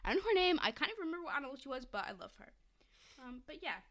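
A woman co-hosting a podcast in casual chat, quick and rambling with many fillers. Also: sits high, big pitch swings, a bit bright. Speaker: podcast co-host.

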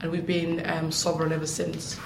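A woman's voice: monotone, brisk, vocal fry. A woman from Somaliland, a social activist and guest, explaining at length with frequent fillers. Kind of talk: casual interview explanation. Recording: echoey room with faint rumble.

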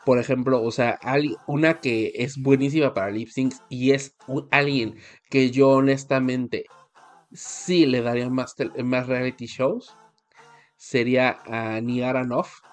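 A man's voice: mid-range voice, fairly even intonation, a little slow. A man, co-hosting a podcast and trading gossip in emphatic casual chat. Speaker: podcast co-host.

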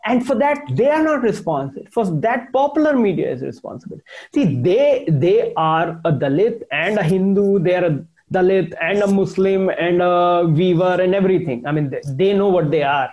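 A man's voice: sits high, expressive, normal speed, darkish tone, highs cut off. A man with a North Indian accent giving conversational interview answers, emphatic, repeating phrases and slipping Hindi into English. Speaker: interviewed journalist and author.

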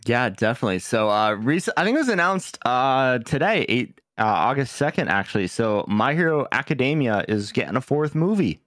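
A man's voice: medium pitch, sing-song, brisk, hardly any pauses, fairly bright tone, dry recording. A man co-hosting a casual podcast, talking like a slangy, sweary fan. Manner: slangy, profane, filler-heavy fan talk. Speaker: podcast co-host.

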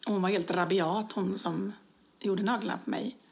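Lively woman telling anecdotes. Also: medium pitch, vocal fry. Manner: lively storyteller, acts out own quotes. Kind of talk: casual chat, telling anecdotes.

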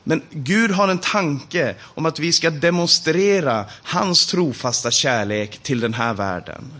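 A man's voice: on the high side, animated, sharp tone. A man preaching a Bible sermon with a slightly raised voice. He talks with emphasis, stacking repeated phrases as he builds each point. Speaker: Bible teacher.

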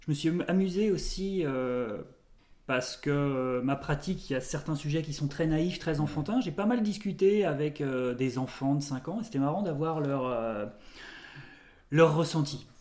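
A man, an artist, talking as a guest in a casual interview, relaxed and thoughtful with loose phrasing. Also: a little high, normal speed.

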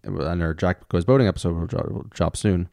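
A man co-hosting a podcast in casual chat, jokey and swearing often, jumping in with quick remarks. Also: low voice, creaky, mellow, no room sound, studio quality. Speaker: podcast co-host.

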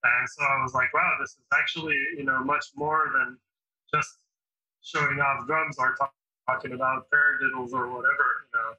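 Speaking at a normal speed, this man has a medium-pitched, sharp-toned voice that stays fairly level. He's a drummer and interview host, chatting casually and telling long, filler-heavy stories, all captured in dull lo-fi audio.

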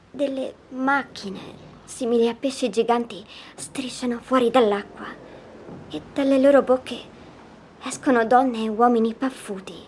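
A calm high-voiced young girl. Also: a little hiss or hum. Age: child figure. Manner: calm, hushed storytelling. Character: young girl Nessi, calm dreamer recounting nightmares. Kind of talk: audio drama acting.

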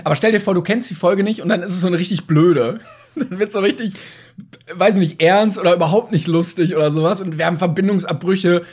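Higher-pitched man in casual podcast banter. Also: brisk, darkish tone, husky. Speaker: podcast co-host. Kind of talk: casual comedic podcast chat.

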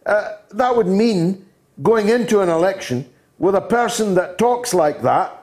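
A man's voice: high voice, lively intonation, measured pace, darkish tone. A man hosting a radio phone-in, blunt and emphatic, trading quips with callers. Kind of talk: opinionated talk radio.

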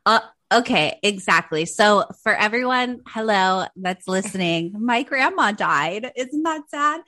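A woman in her thirties co-hosts a podcast, with a bright, forward tone. Her pitch swings widely as she jokes around in a playful, slightly dramatic way. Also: animated, a little slow. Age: 30s. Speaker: podcast co-host. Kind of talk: casual chat.

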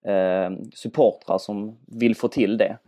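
A man's voice: fairly low pitch, steady tone, dark tone. A man from southern Sweden, chatting casually as host of a football podcast, rambling with many fillers.

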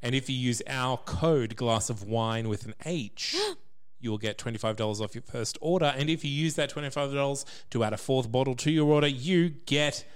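A man hosts a relaxed podcast chat. His voice is smooth and clear at an average pitch. He jokes with his guests and hurries brightly through sponsor reads. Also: fairly quick, few pauses. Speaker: podcast host.

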